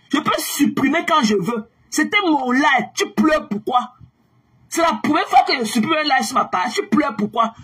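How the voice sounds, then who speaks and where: A woman ranting angrily on her own livestream, taunting viewers with repeated mocking questions and bursts of shouting. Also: high-pitched. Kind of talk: angry livestream rant at viewers.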